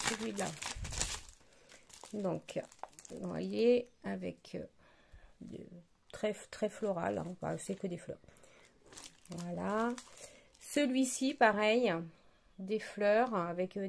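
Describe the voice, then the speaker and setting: A woman casually walks through craft supplies she received, talking in a chatty, hesitant way full of pauses and fillers. Her delivery is unhurried and slow. Her voice has a gravelly, creaky texture. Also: mid-range voice, darkish tone, a little hiss or hum. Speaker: craft product reviewer. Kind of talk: casual product presentation.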